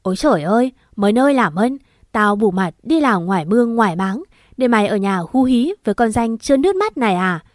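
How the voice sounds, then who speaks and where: A woman's voice: animated, fairly quick, no echo, studio quality, lightly acted. A woman reading as a furious jealous wife. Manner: shrill scolding threats. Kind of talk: storytelling acted quote.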